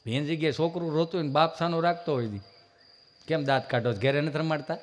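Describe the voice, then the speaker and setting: A man doing live folk comedy storytelling on stage, animated and acting out family characters. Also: on the high side, fast talker, a little hiss or hum. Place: live stage event with audience.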